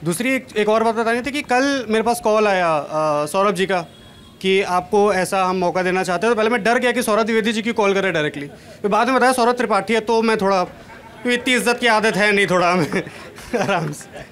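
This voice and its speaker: On a large indoor event stage, a young man from Kanpur, India performs stand-up comedy into a handheld mic. His voice is high, brisk and a bit bright. He comes across as chatty and self-deprecating.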